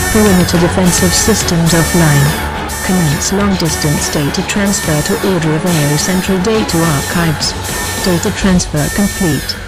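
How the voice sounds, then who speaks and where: A narrator voicing a failing space station computer that glitches into error calls, giving flat, clipped, loud alerts. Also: medium pitch, close to an everyday voice. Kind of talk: sci-fi lore narration.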